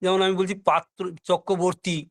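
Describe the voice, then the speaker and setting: A man's voice: sits high, little pitch movement, normal speed. A male student in an online class asking questions hesitantly, searching for words as he goes. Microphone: video call.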